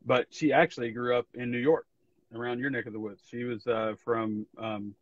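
A man guest on an interview tells stories in a laid-back, easy way with plenty of "like". His voice sits at an everyday middle pitch. The sound comes through muffled, lo-fi livestream audio. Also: level tone, normal speed. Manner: laid-back storytelling, peppered with "like". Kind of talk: casual chat.

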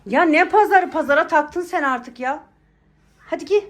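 A woman's voice: sits high, moderate pace. A woman in her thirties playing a mother who scolds and coaxes her children to get up, sounding exasperated in a bedroom at home. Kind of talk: scripted family skit.

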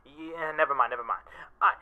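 A man's voice: mid-range voice, fast talker. A man voicing a playful, pushy father who talks to his son over a phone call, heard through a lo-fi phone line. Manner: boastful, pushy, jokey. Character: teasing playful middle-aged father.

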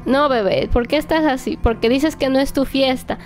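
Young woman babysitting her dolls out loud, excited and chatty, kinda high voice. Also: moderate pace, soft background music. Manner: animated, talks to toys like a babysitter, exclamatory. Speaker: toy play vlogger. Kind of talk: playful narration of doll play.

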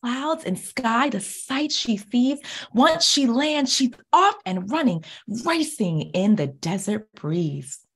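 A children's author and speech pathologist, an American woman in her 30s, leads a slow read-aloud with questions from a small indoor office on a video call. She sounds like an expressive, encouraging educator, with a higher pitch that turns creaky at the edges and clear teacherly speech.

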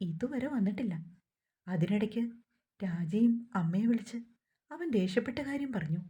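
A woman narrating a family story in a steady reading voice. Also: mid-range voice.

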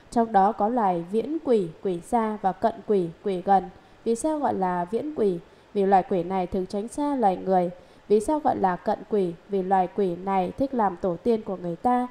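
Mellow-voiced woman reading scripture commentary. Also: medium pitch. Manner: steady, measured explanatory reading. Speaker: reader of a Buddhist commentary.

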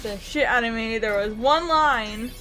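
High-pitched young woman, chatty let's play co-host, laughs a lot, game music behind. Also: a little slow, bright, forceful tone. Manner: chatty, laughs often, swears. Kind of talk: casual gameplay chat.

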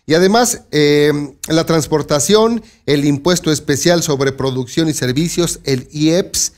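A man's voice: on the high side, a little slow. A man hosting a local news commentary show, talking straight to his listeners and warning them to be careful. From Mexico. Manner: conversational, addresses listeners directly with warnings. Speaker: news host.

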